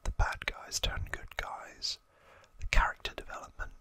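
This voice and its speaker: A man in his thirties who hosts an ASMR video channel whispers trivia in a breathy, hushed voice. He speaks gently, with pauses.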